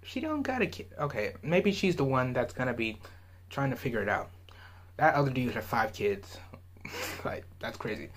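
A man's voice: mid-range voice, lively intonation, normal speed. A man hosting a reaction video, chatting in a loose, rambling way and often laughing and trailing off. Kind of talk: casual rambling commentary.

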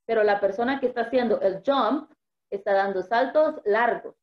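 A woman teaching English online, repeating each vocabulary word slowly so the students can echo it, heard over a video call. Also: fairly high pitch. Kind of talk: online vocabulary lesson, bilingual. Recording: dull lo-fi video-call audio.

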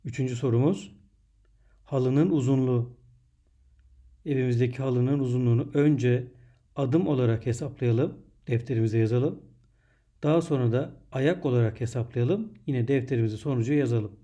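A man narrating a scripted primary school lesson, dictating in measured, separated phrases as a teacher does for young pupils. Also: mid-range voice, mellow.

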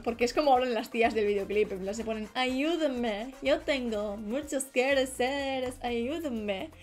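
A young woman with a higher-than-usual voice chats her way through a drawing stream. She rambles and trails off mid-thought while she works, and soft music plays faintly behind her. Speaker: streamer and illustrator. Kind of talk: casual live-stream chat while drawing. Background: faint background music.

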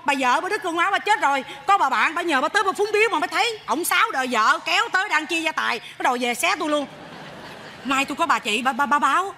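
A woman playing a mother in a stage comedy, talking fast and loud with animated, complaining energy. Her voice is high and bright. There is faint noise from the stage around her. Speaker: comic actress playing a mother.

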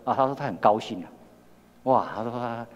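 In a church hall full of long reverb, an older man with a Taiwanese Mandarin accent shares a personal story as part of his sermon, with frequent repeats and restarts. He has a mid-range voice and talks a little fast, and the recording sounds muffled.

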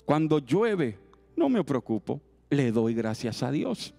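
A man preacher voicing a contented, humble male beggar in a sermon story, speaking calmly and gently. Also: medium pitch, slow, vocal fry, faint music behind, exaggerated voice.

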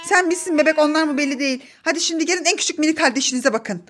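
A woman's voice: high-pitched, rapid-fire, a bit bright. A woman narrating a casual family vlog at home as a mother filming her children, playful and exclaiming, often laughing.

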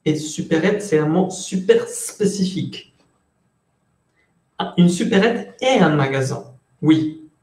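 A man's voice: on the high side, animated, slow, pauses often, warm tone, echoey room. A man teaching French in an online class, explaining patiently and switching between Spanish and French.

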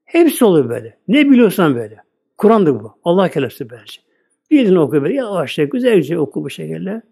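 Older man preaching, mellow voice. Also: sits high, very animated, fast talker, creaky, breathy edge. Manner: plain conversational preaching, repeats "böyle". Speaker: Islamic preacher. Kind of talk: religious sermon talk.

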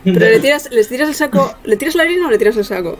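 A young woman running a tabletop game as game master, narrating casually and haltingly over a video call. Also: a little high, lively intonation, over a noisy crowd. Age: young adult. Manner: halting, thinking aloud. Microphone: webcam video call. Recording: noisy home video call.

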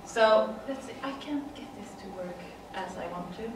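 A middle-aged Swedish woman presents at a conference in English, her Swedish accent evident, chatting along with frequent laughs and fillers. She speaks at a medium pitch and moderate pace. The background is noisy, and a far-off room mic records her in a dim, echoing conference room.

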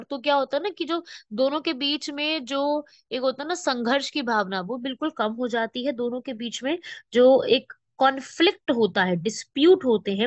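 A woman's voice: fairly high pitch, no room sound. Teacher-like woman. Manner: explanatory, with frequent rhetorical questions and check-ins. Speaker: current affairs teacher. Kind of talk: exam-prep lecture. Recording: dull, dry lo-fi.

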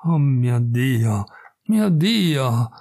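A man's voice: fairly high pitch, big pitch swings, a little slow, gravelly, a little mellow, breathy edge, exaggerated voice. A man voicing a desperate young woman who pleads through tears, in a read storybook. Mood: pleading. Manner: pleading, tearful.

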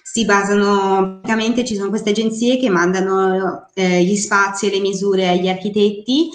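A woman's voice: medium pitch, flat delivery, normal speed. Woman host in an echoey room. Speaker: host, interior designer. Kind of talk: casual live chat. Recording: roomy echo.

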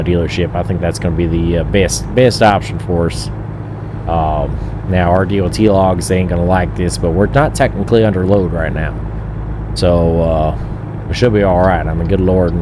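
A deep-voiced man commentating a trucking game, sounding tired and drowsy. He rambles on with constant "uh" and "um", drifting into talking to himself. A steady hum of game engine noise runs under his voice. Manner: rambling, full of "uh" and "um", talks to himself. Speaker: gaming streamer. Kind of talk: casual gameplay commentary.

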